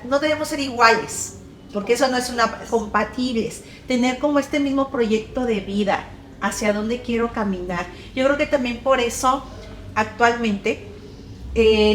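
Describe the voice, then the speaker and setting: Mexican woman host, casual chat, animated, slightly high voice, faint noise. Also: roomy sound. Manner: animated, acts out scolding parents. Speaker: podcast host. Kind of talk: casual conversational interview.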